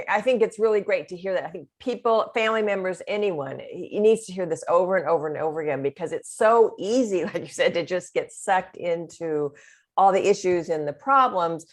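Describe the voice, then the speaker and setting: A woman's voice: fairly low pitch, animated, moderate pace. A woman hosting an interview, affirming her guest and asking long, rambling questions. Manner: affirming, with soft back-channel murmurs and rambling questions. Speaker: host and interviewer. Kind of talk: casual interview conversation.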